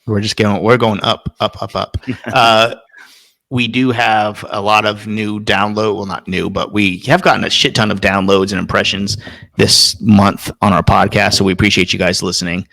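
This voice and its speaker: A man's voice: fairly low pitch, steady tone, normal speed, gravelly, sharp tone, no room sound. A man co-hosting a fantasy football podcast, chatting casually in a rambling way and swearing freely. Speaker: podcast co-host. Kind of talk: casual chat.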